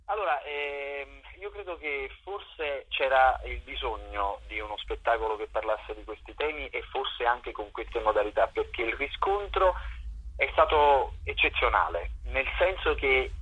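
Heard with the high frequencies cut off, this mid-range, husky voice belongs to a theatre author, director, and actor speaking spontaneously as a radio guest. He is animated and unhurried, his tone pushed and bright, while he rambles through long sentences groping for words.

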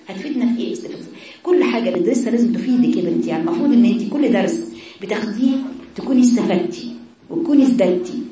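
A woman with an Egyptian accent teaching Quran recitation to a class of girls, asking questions and answering them herself and drawing out letter sounds to show them. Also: mid-range voice. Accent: Egyptian Arabic. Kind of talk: classroom lesson on tajweed letter qualities. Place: classroom with female students. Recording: echoey room, mic far off, students' voices behind.

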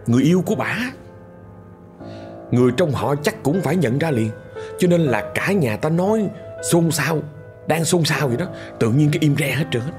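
A man's voice: medium pitch, darkish tone. A man telling a ghost story in a vivid, conversational way, often repeating words for effect.

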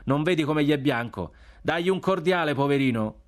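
A sharp-tongued young woman jeers and taunts, as a male reader puts her on. The voice sits high above his own, pointed and scornful. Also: expressive, fairly quick, natural voice. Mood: mocking. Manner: mocking, taunting. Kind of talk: audiobook character voice.

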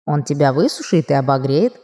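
A sardonic male arctic fox familiar from an audiobook, put on by a woman narrator. The voice sits lower than hers and has a mellow, dark tone. His manner is mocking and cheeky. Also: animated, fairly quick. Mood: snide. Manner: snide, mocking. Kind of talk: audiobook character voicing.

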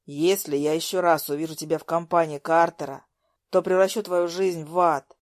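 A domineering young man barks orders in a low, stern voice, as a woman puts him on. His tone is cold and commanding and his delivery is loud and forceful. The sound is dry and close. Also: moderate pace, dry recording, natural voice. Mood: cold, threatening.

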